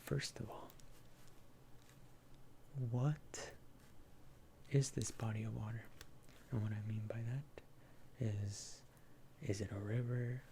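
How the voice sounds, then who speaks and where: A soft, mellow ASMR role-play in the manner of a gentle therapist, from a speaker of unclear sex. The delivery is slow and halting, with a gravelly fry at the edges and some background noise. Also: mid-range voice.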